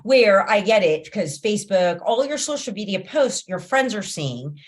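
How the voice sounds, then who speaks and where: A woman's voice: mid-range voice, lively intonation, moderate pace. A woman hosting a casual group discussion on a video call, moderating as a realtor trainer.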